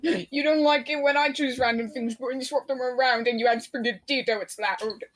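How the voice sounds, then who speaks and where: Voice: high-pitched, fairly even intonation, brisk, fairly bright tone. A young adult friend chatting casually on a stream, laughing often between short remarks. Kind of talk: casual chat.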